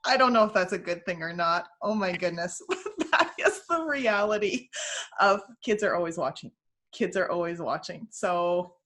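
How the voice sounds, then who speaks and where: A woman's voice: medium pitch, fairly bright tone. A woman co-host chatting casually in a friendly, easy-laughing way. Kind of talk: casual conversational chat.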